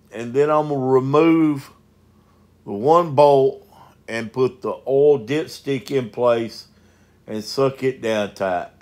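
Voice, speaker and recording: A man, a mobile mechanic narrating a repair video in a folksy, plain-spoken way. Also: mid-range voice.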